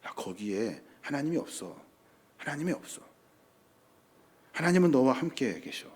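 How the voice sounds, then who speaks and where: A preacher voicing God as a gentle presence close at hand, speaking quietly and deeply in a hushed, coaxing way. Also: male voice, very animated, moderate pace. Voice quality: quiet and deep.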